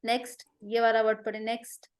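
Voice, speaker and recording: A woman's voice: a little high, completely flat delivery, a little fast, darkish tone. A woman teaching a Quran recitation class online, patiently drilling sounds with repeated vowel examples.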